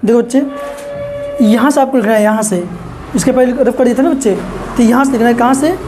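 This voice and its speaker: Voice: mid-range voice, fairly quick, darkish tone, faint music behind. A woman teaching a basic English lesson to children. She explains patiently, repeats points, quizzes her listeners and keeps calling them "kids", mixing English terms into her speech.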